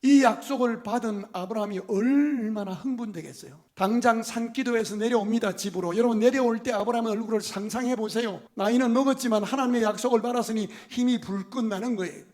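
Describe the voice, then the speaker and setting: A man preaching a sermon as pastor, telling the story lively and acting out the dialogue, dropping to a hush and rising to loud bursts. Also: very high-pitched, fast, hardly any pauses. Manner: storytelling preacher who acts out dialogue, swinging from hushed to loud.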